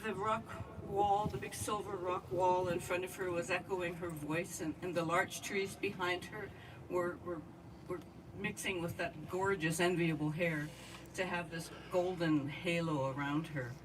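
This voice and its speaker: A woman giving a memorial eulogy at an outdoor gathering, speaking straight to her departed friend with heartfelt warmth. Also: lowish voice, fairly even intonation, measured pace. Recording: distant mic with outdoor noise.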